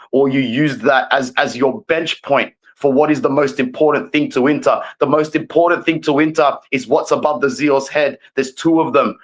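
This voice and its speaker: A man appearing as a guest fan who delivers an impassioned rant, staying calm but emphatic as he lectures the audience. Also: mid-range voice, rough recording.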